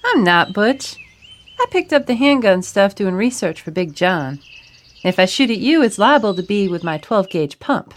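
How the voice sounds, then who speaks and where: A man's voice: high-pitched, sing-song, normal speed, pitched above the performer's own voice. A man voicing a sassy, folksy woman who knows a great deal about guns. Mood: knowing, folksy.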